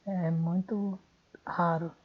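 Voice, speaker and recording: A woman's voice: fairly low pitch, level tone, takes it slowly. A woman with a Brazilian Portuguese accent teaching an online English lesson, thinking aloud and correcting herself as she goes. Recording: dull lo-fi recording.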